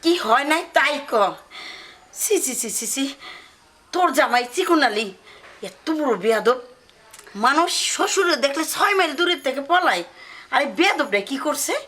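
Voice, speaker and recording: A woman's voice: sits high, lively intonation, normal speed, pauses often. An actress playing a fussing village mother who scolds her daughter about a rude son-in-law. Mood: scolding. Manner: scolding, calling out loudly. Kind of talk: rural comedy drama acting.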